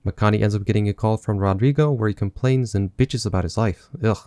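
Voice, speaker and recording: Man, sardonic film recap, mellow lowish voice, dry close sound. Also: fast, no room sound. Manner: sardonic, mocking asides. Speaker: film reviewer. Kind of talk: sarcastic movie recap commentary.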